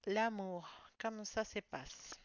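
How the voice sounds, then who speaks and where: Une femme non née en France, avec un accent, fait une lecture de tarot sur un ton amical et hésitant, avec beaucoup d'hésitations. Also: female voice, medium pitch, takes it slowly, slight background noise. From outside France. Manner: apologetic, friendly, hesitant with many fillers. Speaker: tarot reader. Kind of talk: casual tarot reading to camera. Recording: slightly dull lo-fi sound.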